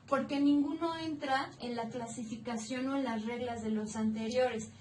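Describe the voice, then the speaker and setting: A Mexican woman teaches grammar in a recorded lesson, walking through each rule slowly and clearly. Her voice sits high and moves at an unhurried pace. She is heard from a distance in an echoey room with a faint hum of ambience behind her. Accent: Mexican Spanish. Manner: slow, clear, stressing each rule step by step. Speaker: English teacher.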